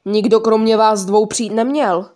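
A woman's voice: fairly high pitch, fairly even intonation, natural voice. A woman voicing Chota, a frightened teenage boy, in a panicky read. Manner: panicky, shouting refusal.

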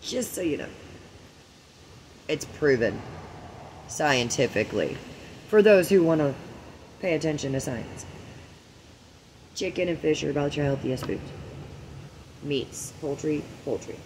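A man delivering a ranting monologue vlog, swearing heavily and swinging between a hushed murmur and loud outbursts, full of preachy rhetorical questions. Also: a little high, animated, measured pace, long pauses, slight background noise, rough recording. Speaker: vlogger.

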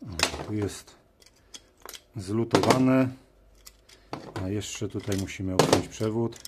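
Speaking slowly in a lowish voice, this male video host mutters to himself in short phrases, giving casual running commentary while he works. He's indoors at a cluttered workshop bench, and the clear recording picks up noise and clicks from tools and parts behind him.

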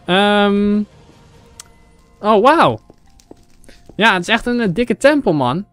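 A young man from the Netherlands doing Minecraft let's play commentary, excitable, exclaiming in English and chatting to his viewers. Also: high voice, slow pace, smooth, no echo. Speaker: gaming channel host. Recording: faint game music behind.

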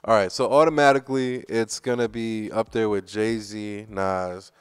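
A man with a New York accent and a low voice, talking casually on a podcast. His tone is smooth and clear, and the recording is dry and close. He hesitates and restarts often as he thinks aloud. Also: steady tone, unhurried, no room sound. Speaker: podcast co-host. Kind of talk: casual chat.

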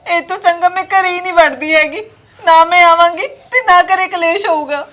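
An actress playing a gentle married daughter visiting her parents, soft-spoken and pleading with her brother and sister-in-law. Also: high-pitched, moderate pace. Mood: tearful.

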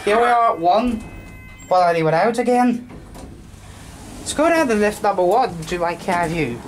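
A man's voice: sits high, lively intonation, unhurried. Man narrating an elevator ride, matter-of-fact, phone camera mic, noisy station ambience, trains passing. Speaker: elevator enthusiast filming a ride. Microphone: handheld phone camera.

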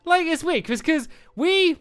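A young man hosting a gaming video, chatting and arguing in an excitable, rambling way. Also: very high-pitched, unhurried, noisy background. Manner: excitable, laughing, argumentative, rambling. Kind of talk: casual banter while gaming.

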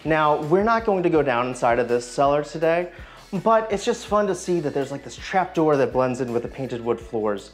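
A man's voice: fairly high pitch, animated, normal speed, soft background music. A man in his thirties hosting a walking tour of an old house, enthusiastically guiding viewers from room to room. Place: empty old house, indoor rooms.

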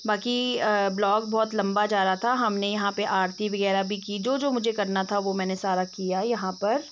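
A young woman vlogging in a casual way, speaking slowly in her voice-over and loudly when she explains a hearing aid to an elderly neighbour. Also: mid-range voice, steady tone, muffled recording, slight background noise. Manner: slow, devotional narration; loud and repetitive when helping the elderly neighbour. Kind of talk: casual vlog voice-over and chat.

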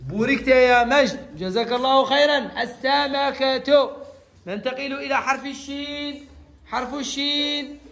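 A man's voice: very high voice, moderate pace, fairly bright tone. A male teacher leading a classroom lesson with young pupils. He talks patiently, repeats each letter and praises the answers.

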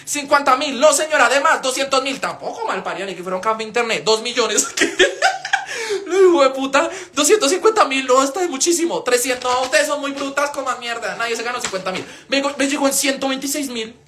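Young Bogotá-accented man, casual livestream chatter into a phone, profane and animated. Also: fast talker, few pauses, a little hiss or hum. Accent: Colombian, Bogotá. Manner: animated, swears a lot, swings into loud high-pitched wails. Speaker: live streamer.

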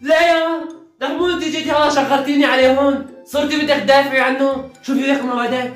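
A woman acting out a shouty family comedy skit, scolding loudly and switching between roles. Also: high-pitched, steady tone. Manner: scolding, loud and quick. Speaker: comedy sketch performer. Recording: echoey room with faint music.

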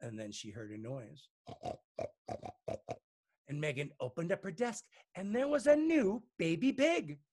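A man reading a children's storybook aloud to young listeners in a lively, expressive, playful way. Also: on the high side, a little slow, long pauses.

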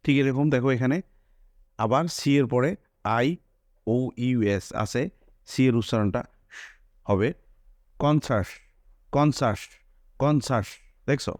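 A man's voice: medium pitch, measured pace, pauses often, darkish tone, no room sound, clean studio sound. A man teaching English pronunciation, repeating each example word several times and pointing things out. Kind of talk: spoken English pronunciation lesson.

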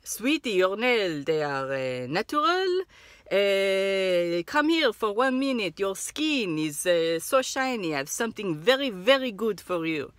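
A woman voicing a pushy, flattering Israeli mall kiosk salesperson in halting broken English, with an Israeli accent. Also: mid-range voice, dry recording.

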